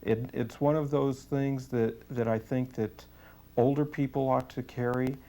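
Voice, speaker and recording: A man with a medium-pitched voice gives testimony as a police sergeant. He speaks in an earnest, deliberate way, answering interview questions plainly and matter-of-factly. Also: fairly even intonation, mellow.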